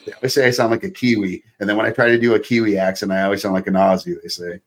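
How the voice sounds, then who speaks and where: A Canadian podcast guest chats casually over a video call, laughing easily and scattering likes, you-knows and other fillers everywhere. His voice is lowish and steady, and he talks rapid-fire.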